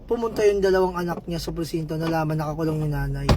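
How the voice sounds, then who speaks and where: High-voiced man telling jokes. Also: quick pace, background noise. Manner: chatty, joking, reads out viewer shoutouts. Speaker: livestream vlogger. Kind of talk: casual livestream storytelling.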